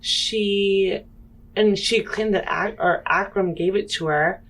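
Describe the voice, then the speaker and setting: In a tabletop roleplaying game, a woman speaks in character, deliberate and earnest, posing questions. Her mid-range voice holds steady and sounds fairly bright.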